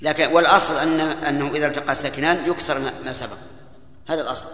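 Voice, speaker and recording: A man's voice: a little high, fairly even intonation, very fast, pushed and bright. An older male scholar giving a Quran lesson, quizzing his students and chiding them when they forget. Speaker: Islamic scholar teaching tafsir. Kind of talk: classroom lesson with questions to students. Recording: echoey hall, old tape lecture recording.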